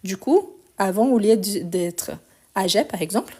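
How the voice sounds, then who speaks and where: This French teacher's mid-range voice is expressive and darkish with a breathy edge, moving at normal speed and sounding a bit weak. Recorded on a phone, she leads a live online grammar lesson, patiently breaking things down step by step and spelling out endings letter by letter.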